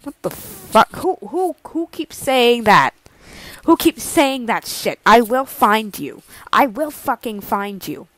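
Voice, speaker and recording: A woman's voice: fairly high pitch, animated, slow pace, a bit bright, no echo, low-quality recording. A woman voicing a hot-tempered, foul-mouthed young male groom in a fan audio drama. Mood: angry. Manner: snappy, swears constantly.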